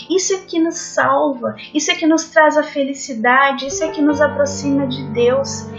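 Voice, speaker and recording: High-voiced woman giving a slow devotional talk. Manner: earnest, addresses listeners as friends. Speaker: spiritist lecturer. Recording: dull lo-fi audio with faint music.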